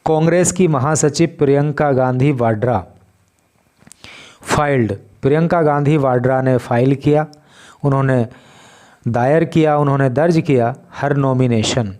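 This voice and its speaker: A man's voice: mid-range voice, a little mellow. A man teaching English vocabulary in Hindi, patiently explaining newspaper words one by one. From India. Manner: slow, patient word-by-word explanation.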